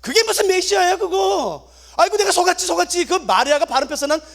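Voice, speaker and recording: A man voicing a panicked man who loudly scoffs while renouncing his faith. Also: lively intonation, quick pace, vocal fry, exaggerated voice. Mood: scoffing. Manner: loud, scoffing, shrill.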